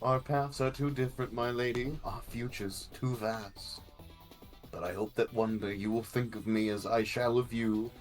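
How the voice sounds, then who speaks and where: A man's voice: mid-range voice, fairly even intonation, normal speed, faint music behind, natural voice. A man voicing a dashing, lovestruck young rogue thief in flowery, mock-archaic, melodramatic speech during improvised role-play. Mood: mournful romantic.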